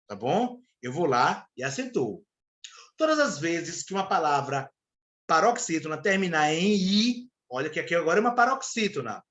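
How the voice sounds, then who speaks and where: This man, who has a Brazilian Portuguese accent, lectures a live online class, walking through rules one step at a time and checking on his students. He speaks at a moderate pace in a fairly high, fairly bright, very animated voice.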